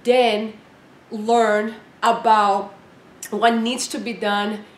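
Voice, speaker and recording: A woman's voice: on the high side, little pitch movement, drawn-out words, roomy sound, a little hiss or hum. A woman life coach giving earnest, encouraging advice, asking her listeners one question after another. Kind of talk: coaching talk to camera.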